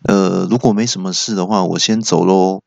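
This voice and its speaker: A man's voice: deep voice, steady tone, normal speed, creaky, a little mellow, no room sound. A man voicing a goofy, absent-minded monk dentist who stammers and dithers. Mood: dithering. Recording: dull lo-fi podcast audio.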